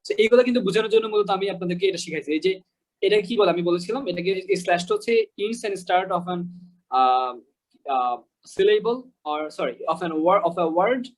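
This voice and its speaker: A man's voice: high-pitched, lively intonation, normal speed, low-quality recording. A man from Bangladesh teaching English pronunciation in an online lesson, explaining patiently, repeating example words and checking that listeners follow.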